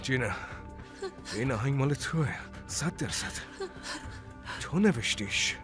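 A man's voice: mid-range voice, lively intonation, lightly acted. An actor playing a stern, threatening older man who gives cold orders in a dubbed drama. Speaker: dubbing actor. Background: background music.

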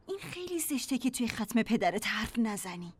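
A woman's voice: on the high side, sing-song, husky. An actress voicing a cold, scolding mother in a dubbed drama. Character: cool, knowing mother at her husband's funeral.

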